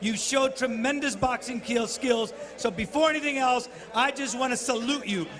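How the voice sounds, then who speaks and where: A man's voice: very high-pitched, moderate pace. A man doing a bilingual post-fight interview and interpreting, speaking emphatically and effusively. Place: in the ring at an arena. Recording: loud arena crowd behind.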